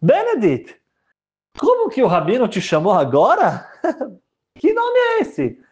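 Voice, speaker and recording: A man doing a puzzled high-voiced young bride. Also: wildly swooping pitch, a little slow, darkish tone, highs cut off, heavily acted. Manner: incredulous, questioning.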